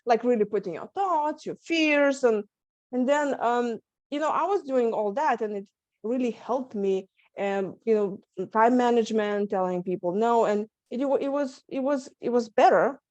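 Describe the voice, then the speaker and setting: A Lithuanian woman who works as a stress management coach tells her story as a guest in an earnest, candid interview, speaking with a Lithuanian accent. Her voice is a little high and a little mellow, at a moderate pace, with many restarts and small laughs. She's on a video call from a home setup, using the call's microphone, with no room sound.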